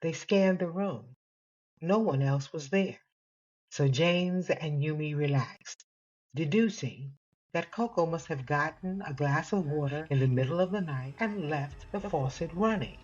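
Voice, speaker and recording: A woman narrates a scripted horror tale in a slow, measured, dramatic way. Her voice sits fairly low. She lingers on each phrase. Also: darkish tone, husky, dull audio. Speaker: narrator and podcast host.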